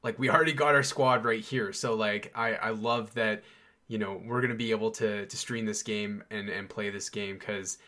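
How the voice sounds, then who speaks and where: A young man hosting a podcast chats casually and enthusiastically, with many fillers and restarts. His voice is fairly low in pitch, steady at a normal speed, and sounds pushed and bright.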